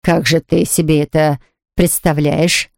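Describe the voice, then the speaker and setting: Stern disapproving older aunt, low dry voice, reproachful and slow, as a woman narrator puts her on, close dry recording. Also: gravelly, a little mellow, no echo.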